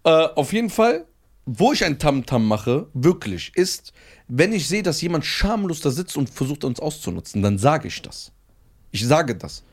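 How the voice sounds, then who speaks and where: Podcast co-host, male, lively storyteller, higher voice, swings his pitch a lot. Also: normal speed. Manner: animated storytelling, acts out quotes. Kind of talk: casual chat.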